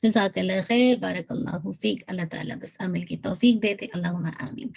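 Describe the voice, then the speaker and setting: A woman teaching Quran recitation in a patient lesson. She works step by step, keeps checking in, and slowly draws out sounds to model them. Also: mid-range voice, vocal fry, a little mellow, slightly rough. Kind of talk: instructive lesson.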